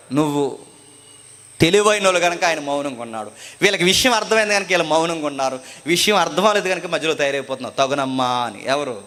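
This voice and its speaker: A man's voice: fairly high pitch, sharp tone. A man with a Telugu accent preaching a live sermon, acting out a courtroom scene and putting questions to the congregation.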